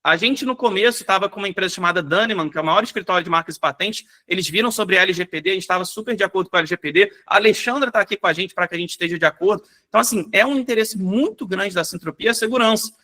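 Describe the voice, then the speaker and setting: A high-pitched Brazilian man rattles through a live software demo at a brisk clip. His tone is bright and forward, and he keeps tossing in "né?" and "gente" to the audience. The sound comes over a video call. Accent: Brazilian Portuguese. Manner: energetic, rapid, fills with "né?" and "gente". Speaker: software company founder presenting. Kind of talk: live online workshop demo.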